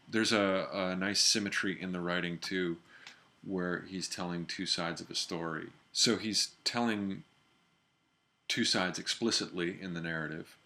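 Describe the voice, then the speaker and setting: A man speaking in an expressive, measured way with deliberate pauses, as in a personal reading or spoken commentary. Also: low-pitched. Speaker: reader and critic of a writer's piece.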